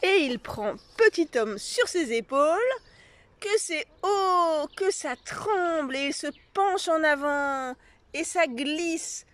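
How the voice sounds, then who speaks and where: A woman reads a picture book aloud to children, slow and expressive. Her voice sits high and unhurried, lingering over the repeated lines. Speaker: storyteller.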